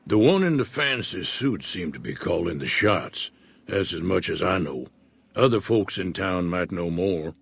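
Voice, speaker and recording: An actor voicing a retired old male prospector in a video game, speaking in an unhurried folksy drawl. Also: sits low, expressive, creaky, fairly bright tone, husky, heavily acted. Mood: easygoing. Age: older. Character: weathered old male prospector, laid-back and wary. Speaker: retired prospector in a frontier town.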